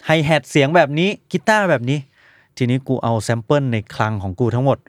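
A man talking casually on a podcast as a music producer guest, animated and mimicking drum sounds with his mouth. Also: medium pitch, brisk, no room sound, clean studio sound.

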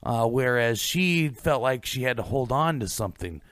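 Animated man co-hosting a ghost podcast. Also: medium pitch, moderate pace, dry recording. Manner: animated, hesitant in chat with fillers. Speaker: podcast co-host. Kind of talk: reading a ghost story script, then casual chat.

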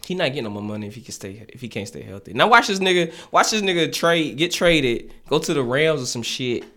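A man talking football with a friend, his pitch swinging all over the place. He is animated, cursing and laughing as he goes. The talk is loose and casual. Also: fast talker. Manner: animated, swears a lot, laughs often. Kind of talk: casual sports chat.

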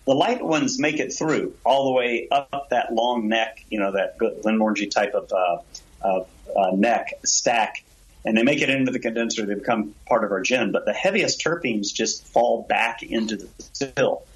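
A man's voice: mid-range voice, moderate pace, poor audio. A man who owns a distillery, explaining his gin process in a casual interview with an enthusiastic, storytelling manner. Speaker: distillery owner.

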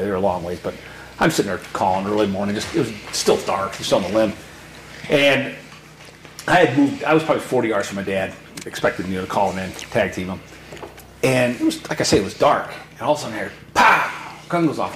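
Fast-talking older storyteller man, roomy sound. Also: on the low side. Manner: animated storyteller who acts out voices. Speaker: hunting guide guest. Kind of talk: podcast storytelling. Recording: roomy room with faint noise.

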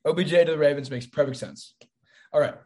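A man's voice: on the high side, fast, warm tone. A young man hosting a casual sports podcast, teasing and confident, steering it from segment to segment. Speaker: podcast host.

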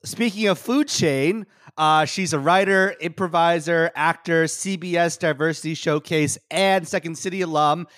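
A man's voice: on the high side, normal speed, hardly any pauses, fairly bright tone, dry recording, clean studio sound. A man hosting a podcast in casual chat, laughing often and filling his talk with "like". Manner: laughs often, lots of "like" fillers. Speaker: podcast host.

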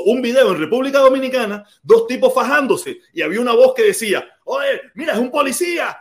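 Host: high-pitched Cuban man, argumentative and repetitive, heated live debate. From Cuba. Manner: argumentative, repeats himself, talks over the other man. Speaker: podcast host.

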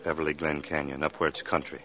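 A weary police detective in a vintage radio drama. His voice is very deep, and he speaks in a plain, matter-of-fact way. He reports the case evenly. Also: little pitch movement, fast, bright, forceful tone. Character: Brub, tired police detective husband. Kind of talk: 1940s radio acting.

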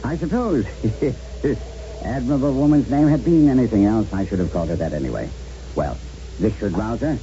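An actor playing a genial, eccentric castle owner with a theatrical, musing manner in a radio drama. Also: male voice, mid-range voice, animated, brisk, natural voice. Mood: courtly, musing. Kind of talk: 1970s radio drama acting. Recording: dull lo-fi radio recording, faint noise.

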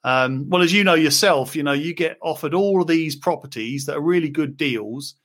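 A man's voice: a little high, normal speed, a bit bright. Chatty British property investor man. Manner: chatty, frequent fillers and restarts. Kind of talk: casual interview chat.

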